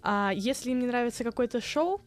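A woman's voice: fairly high pitch, lively intonation, a little fast, soft background music. A young woman with a lisp that makes her s slushy and slippery, chatting casually as an interview guest. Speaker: video blogger guest.

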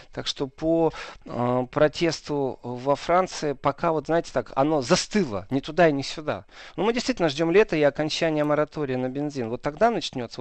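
A man's voice: medium pitch, no room sound. A man speaking as a political commentator in an unscripted interview, colloquial, with rhetorical questions and asides. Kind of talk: unscripted spoken analysis in an interview.

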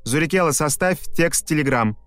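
A man doing a teasing, high-voiced old village joker. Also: expressive, normal speed, fairly bright tone, no echo, faint music behind. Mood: mocking. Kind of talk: audiobook reading.

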